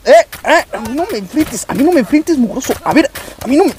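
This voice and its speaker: A man with a Mexican Spanish accent giving excited gameplay commentary as a YouTuber, taunting opponents and yelling at the screen. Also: extremely high pitch, brisk, very noisy. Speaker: gaming YouTuber.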